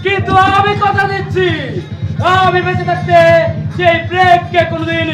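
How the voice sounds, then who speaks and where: A man's voice: very high-pitched, flat delivery, normal speed. A young man with a Bangladeshi accent playing a pompous, anguished nawab in hammy, declamatory folk theatre style. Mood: indignant, grandiose. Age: young adult. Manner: hammy, declamatory stage actor with repeated cries. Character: pompous, anguished male nawab lamenting his kingdom. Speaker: student stage actor. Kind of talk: jatra folk theatre acting. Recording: echoey stage, distant mic, music, noisy audience.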